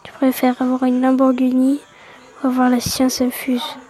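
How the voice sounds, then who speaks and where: A woman's voice: high voice, completely flat delivery, moderate pace, mellow, faint music behind. A woman hosting a casual gaming video, reading quiz questions aloud and answering them offhandedly, often half-whispering. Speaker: video host.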